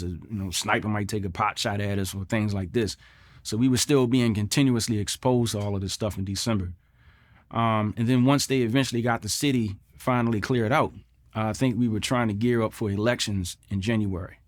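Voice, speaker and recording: A middle-aged man, a combat veteran, giving a personal interview recollection in a reflective, earnest way, repeating phrases for emphasis. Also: on the low side.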